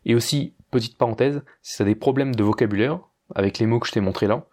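Male language tutor, mid-pitched, relaxed informal delivery, deliberate pacing with repeated example words. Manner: slow, careful, repeats words for the listener; informal, addresses listener as tu. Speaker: language teacher. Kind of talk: pronunciation lesson.

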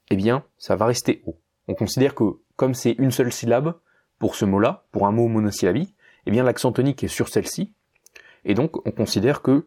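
A man's voice: mid-range voice, warm tone, slightly rough. A man teaching a language lesson, explaining patiently and often rephrasing as he goes.

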